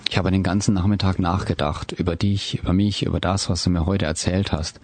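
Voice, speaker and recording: A man doing a gentle older boyfriend. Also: low voice, a little fast, husky, no echo. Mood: tender. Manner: soft, calm and soothing. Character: gentle, caring man around thirty, the older partner.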